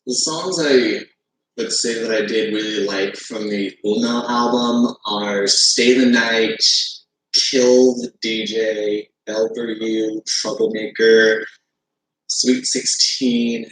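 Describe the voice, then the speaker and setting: Slow, low-voiced man in an echoey room. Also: fairly even intonation. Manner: hesitant listing with many fillers. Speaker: vlogger in an old video. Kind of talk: casual music review.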